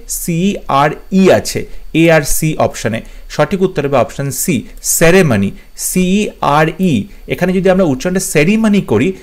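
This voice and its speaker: A man teaching English spelling to exam students, spelling words out letter by letter and repeating the key ones. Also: on the high side.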